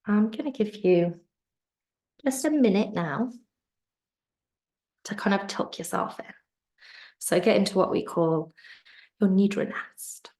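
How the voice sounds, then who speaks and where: Speaking slowly with long pauses, a woman guides a yoga nidra session on a video call. Her medium-pitched voice is expressive, gentle and calming, occasionally fading into a whisper.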